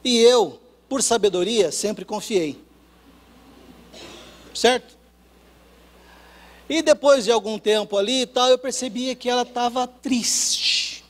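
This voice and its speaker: A man with a Brazilian Portuguese accent preaching a sermon, telling a personal story with acted dialogue and swinging from hushed lines to loud, rising ones. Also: very high-pitched, takes it slowly, pauses often. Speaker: pastor.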